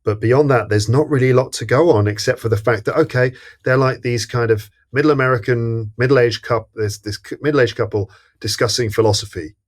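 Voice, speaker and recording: A man's voice: mid-range voice, a little fast, few pauses. A man co-hosting a podcast, talking through a comedy film in a thoughtful, hesitant way with many restarts. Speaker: podcast co-host. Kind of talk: casual film review chat.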